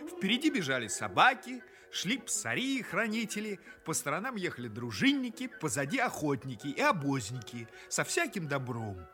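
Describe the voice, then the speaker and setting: Male storyteller, fairly high pitch, very animated intonation, scripted fairy-tale narration, music behind. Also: moderate pace, hardly any pauses.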